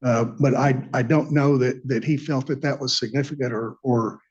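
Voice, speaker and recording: A man's voice: medium pitch, steady tone, normal speed, darkish tone, breathy edge, dull audio. A man answering judges as an attorney in court, hesitant and hedging, tripping over repeated words. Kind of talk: appellate oral argument.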